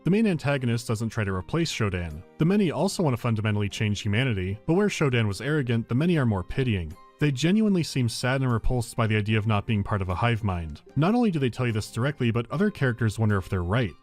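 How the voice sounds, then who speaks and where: A man's voice: medium pitch, sing-song, fast talker, hardly any pauses, darkish tone. A man narrating a scripted video game review with dry, wry humour. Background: game music.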